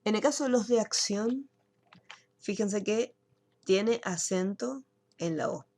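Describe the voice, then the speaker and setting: Woman, online software instructor; patient step-by-step delivery, gravelly edge. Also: medium pitch, slow. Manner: explains step by step, checks in with students. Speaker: computer course teacher. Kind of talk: screen-share software tutorial.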